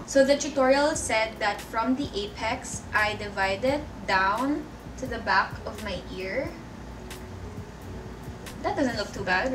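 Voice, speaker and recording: A woman's voice: fairly high pitch, background noise. A young woman from the Philippines filming a casual home vlog, talking to the camera in a self-mocking way, swearing and laughing often. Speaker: vlogger. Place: room at home. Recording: echoey room, mic a bit far off.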